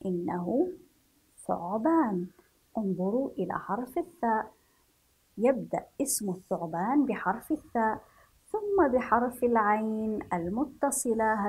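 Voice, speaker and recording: A woman teaching first graders to read, stretching out each word slowly and praising them softly. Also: a little high, slightly rough, poor audio. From Yemen. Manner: slow, drawn-out syllables for children, praising softly. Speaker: primary school teacher. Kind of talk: children's reading lesson.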